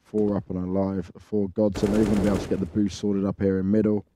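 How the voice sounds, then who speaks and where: A man's voice: lowish voice, little pitch movement, fast talker. A man giving live play-by-play commentary on an esports match. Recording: faint noise, clicks and game gunfire.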